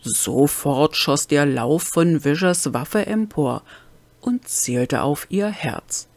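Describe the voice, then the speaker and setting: Female audiobook narrator, unhurried pace, dry close-mic home recording. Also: deep voice, animated, darkish tone, no echo. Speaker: audiobook reader. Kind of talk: fan-made audiobook narration.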